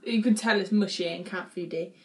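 A woman's voice: on the low side, fairly quick, a little hiss or hum. A young woman vlogging a food challenge, dramatic and giggly. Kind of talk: casual chat.

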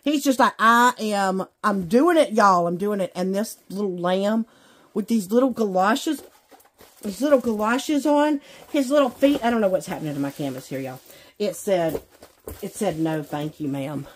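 Sitting indoors at her craft table, a craft vlogger unboxes items while chatting casually to her viewers. Her voice is medium in pitch at a normal speed, and her manner is gushing, exclamatory and folksy.

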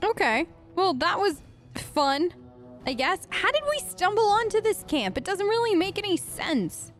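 In her role-play let's play, a woman voices her game character, chatting casually and reflecting aloud as she plays. Her voice is very high with big pitch swings, her delivery unhurried, and soft music plays behind her.

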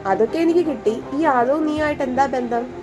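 A woman's voice: high voice, moderate pace, music in the background, pitched above the performer's own voice, close to an everyday voice. A woman voicing a stern, possessive young husband who speaks in curt commands in a storybook reading.

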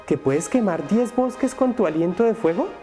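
A spirited young storybook princess played by a narrator. Her voice is pushed high and whiny, and it leaps up and down in indignation over faint music. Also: animated, normal speed, mellow, lightly acted. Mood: flattering.

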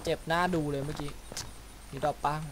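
A man's voice: on the high side, flat delivery, brisk, background noise. Chatty Thai-speaking man playing a game. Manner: chatty, makes mouth sound effects. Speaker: gaming YouTuber. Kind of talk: casual let's-play commentary. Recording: loud game sounds behind voice.

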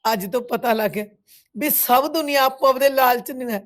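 ਇੱਕ ਅਦਾਕਾਰਾ ਵਜੋਂ ਦੁਖੀ, ਗੁੱਸੇ ਵਾਲੀ ਪੰਜਾਬੀ ਔਰਤ. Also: female voice, high-pitched, normal speed, natural voice. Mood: bitter reproach. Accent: Punjabi. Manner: reproachful, tearful accusations. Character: bitter grieving village woman, middle-aged, accusing. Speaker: actress playing a grieving sister. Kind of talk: village web series drama.

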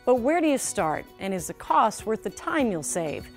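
A woman's voice: on the high side, sing-song, normal speed, soft background music. A woman news anchor in a TV studio, introducing a segment and chatting in an upbeat, agreeable way. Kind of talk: live studio chat.

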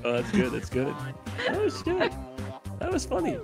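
A woman's voice: sits high, wildly swooping pitch, a little slow. A woman hosting a party game stream, bantering casually with laughs and swearing. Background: game music.

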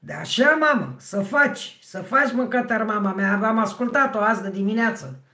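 A middle-aged woman with a hoarse, husky voice, hosting a livestream and chatting with her viewers by name. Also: medium pitch, animated, pushed and bright. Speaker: livestream host. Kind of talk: casual livestream chat with viewers. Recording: roomy, echoey sound.

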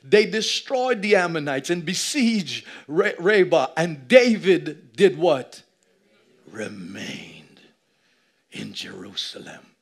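A man in his thirties preaching a lively sermon on a church stage, swinging from shouts to low asides and acting out little scenes. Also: takes it slowly, vocal fry, husky. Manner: animated preaching, shifting between loud shouts and low asides. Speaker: pastor. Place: church stage with a seated audience.

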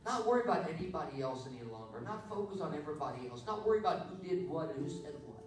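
A middle-aged man preaching a sermon as pastor, swinging between loud emphatic bursts and quiet storytelling. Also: fairly high pitch, very animated, quick pace. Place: church sanctuary. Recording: very roomy church sound, voice from far off.

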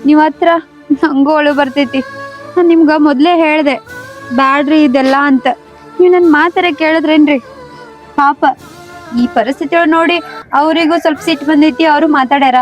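A woman with a North Karnataka accent playing a gentle young daughter-in-law who comforts her husband in a village family drama skit. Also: high-pitched, steady tone, fairly quick, pauses often, faint music behind, close to an everyday voice. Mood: consoling. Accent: North Karnataka Kannada. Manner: soft, consoling.

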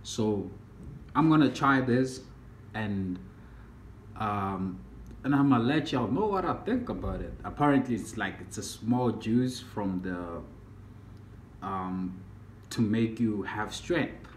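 A young man from the United States talking casually to a phone camera in a vlog, slow and drawling, often trailing off. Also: on the low side, lively intonation. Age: young adult. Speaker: vlogger. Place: small room indoors. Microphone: phone camera at arm's length. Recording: roomy phone recording, faint hiss.

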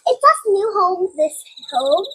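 Little girl, very high voice, short chirpy remarks, home vlog. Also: big pitch swings, slow pace, pushed and bright, no room sound. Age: child. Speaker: younger sister co-host. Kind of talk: casual home tour vlog. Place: family house.

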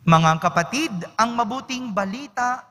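A man, a priest, reading the gospel and preaching at Mass in a slow, measured, solemn way. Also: very high-pitched, expressive, sharp tone. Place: large church. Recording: echoey church hall.

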